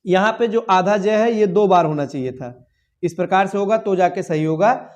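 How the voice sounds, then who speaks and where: A young man with a fairly high-pitched voice explains exam answers one by one. He talks to his students as friends, poses each question himself and then settles it. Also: normal speed, a little mellow. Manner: addresses listeners as "saathiyon", asks and answers his own questions. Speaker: Hindi exam tutor.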